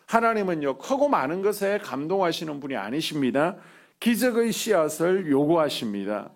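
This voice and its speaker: A man preaching a sermon as a pastor, earnest, with many drawn-out "ah" fillers between phrases. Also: a little high, big pitch swings.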